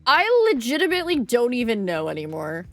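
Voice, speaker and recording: A woman's voice: a little high, huge pitch swings, fairly quick, fairly bright tone, dry recording, soft background music. Bubbly, cute anime-style woman streamer. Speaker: livestreamer, game streamer. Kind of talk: casual livestream chat with viewers.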